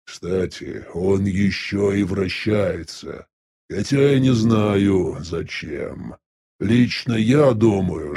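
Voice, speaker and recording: A man voicing a husky, weary old sect elder. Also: on the low side, warm tone, full character voice. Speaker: audiobook voice actor. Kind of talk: audiobook dialogue reading.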